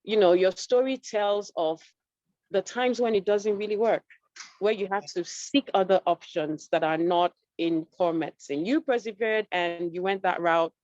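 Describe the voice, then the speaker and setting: A woman hosting an online panel, calmly summing up what guests said. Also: medium pitch, no echo. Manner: measured, summarizing questions. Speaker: host. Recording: dry dull online call audio.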